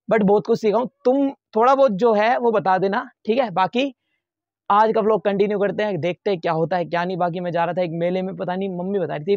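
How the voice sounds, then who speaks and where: A man's voice: high-pitched, no room sound. Chatty young man vlogging with a lapel mic. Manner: chatty, playful, addresses viewers as brothers. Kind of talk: casual vlog chat. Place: outdoors near a lane. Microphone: wired lapel mic under t-shirt to phone.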